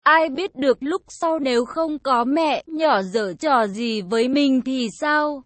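A woman narrating a first-person story in a lively storytelling manner, as a schoolboy telling of his home life. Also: high voice, no room sound. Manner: slow, lively storytelling with acted quotes.

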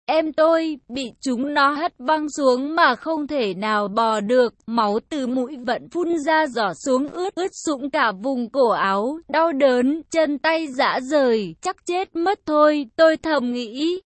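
Woman storyteller, high voice, dry close recording, slow and somber narration. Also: no room sound. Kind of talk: first-person story narration.

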